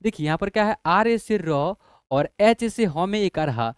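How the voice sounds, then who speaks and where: An English teacher gives a classroom spelling lesson, patiently spelling words letter by letter and checking whether his students follow. His voice sits high and sounds animated, clear, and resonant at a measured pace. The recording is clean studio sound with no echo.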